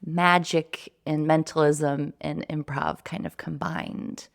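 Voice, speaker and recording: Woman podcast guest, low gravelly voice, easygoing and laughing, casual chat. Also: steady tone, slow. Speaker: guest, comedian and improv performer.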